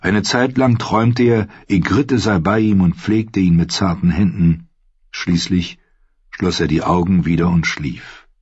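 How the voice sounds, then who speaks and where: Low husky male audiobook narrator. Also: a little slow, darkish tone, no room sound, lo-fi sound.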